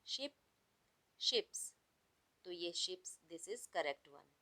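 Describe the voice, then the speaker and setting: A woman's voice: lowish voice, expressive, very slow, bright, forceful tone. A woman teaching an English lesson, spelling words out letter by letter and mixing Hindi with English. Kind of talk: slow explanatory class lesson.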